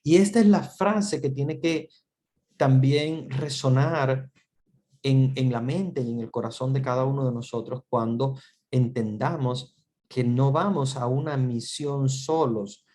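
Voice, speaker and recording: A man's voice: mid-range voice, measured pace, warm tone. A man teaching an online Bible class, earnest and repetitive, with frequent restarts and fillers.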